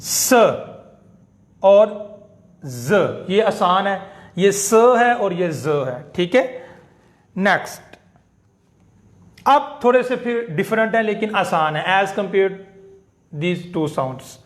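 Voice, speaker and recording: A man with a Pakistani Urdu accent gives a pronunciation lecture in a fairly high voice. He speaks at an unhurried, measured pace. He repeats each example word several times as he explains. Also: lively intonation. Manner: slow, deliberate explaining, repeats example words. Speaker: English teacher. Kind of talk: classroom lecture.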